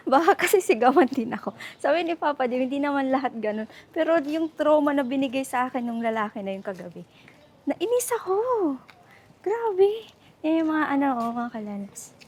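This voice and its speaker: Young woman vlogging on the go: chatty, laughs a lot, mixes Tagalog and English, a bit high-pitched. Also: expressive, a little fast, a little mellow. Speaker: travel vlogger. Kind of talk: casual travel vlog chat. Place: outdoors on city streets.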